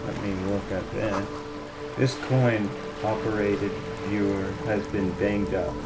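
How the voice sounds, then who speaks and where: A man's voice: on the low side, little pitch movement, slow pace, poor audio. A man doing a casual let's-play, reading game text aloud and reacting with playful, dramatic asides as he interrupts himself. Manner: playful, self-interrupting, dramatic read-outs. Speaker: gaming streamer. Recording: game music faintly behind voice.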